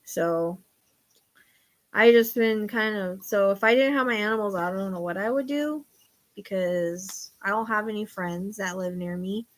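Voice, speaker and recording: A middle-aged woman with a loud, medium-pitched voice hosts a psychic show, casually chatting with online viewers at a slightly slow pace. She rambles and confides, her thoughts trailing off quietly at the ends.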